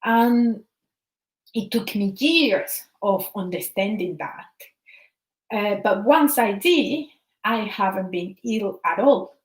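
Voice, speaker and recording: In an impassioned personal talk, a wellness practitioner from Venezuela shares her views earnestly, frequently repeating words while hunting for how to say things. She has a medium-pitched voice, and the recording is rough and roomy.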